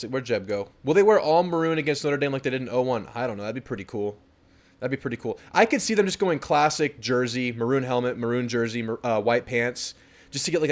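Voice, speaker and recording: Upbeat young male streamer, casual and chatty, reads out chat and greets viewers, average pitch. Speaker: host of a fan sports livestream. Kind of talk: casual livestream chat reading viewer comments.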